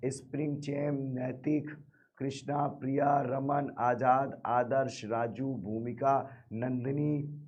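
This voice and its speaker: A man's voice: medium pitch, a little mellow, breathy edge. A male math teacher with a sore throat, teaching a live online class, keeps asking students questions and calling them "beta".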